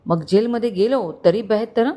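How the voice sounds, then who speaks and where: A woman's voice: mid-range voice, brisk, pitched above the performer's own voice, natural voice. A woman voicing an angry, protective young husband who threatens and commands. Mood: furious. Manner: shouting, commanding, stony.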